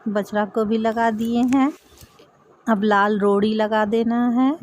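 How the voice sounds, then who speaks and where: A woman calmly showing a home worship routine step by step, speaking gently and affectionately. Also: fairly high pitch, takes it slowly, lo-fi sound. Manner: gentle, affectionate, speaks softly to the idols as to babies. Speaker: devotional home vlogger. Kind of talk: calm step-by-step ritual demonstration. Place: home puja area, indoors.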